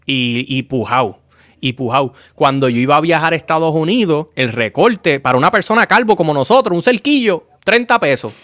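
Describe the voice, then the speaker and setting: A man's voice: fairly high pitch, lively intonation, normal speed, fairly bright tone, no room sound. A man in his thirties with a Puerto Rican accent, hosting a live stream interview in a casual, chatty way, jumping in with his own stories. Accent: Puerto Rican Spanish. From Puerto Rico. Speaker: host. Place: small home studio. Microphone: studio mic with headphones.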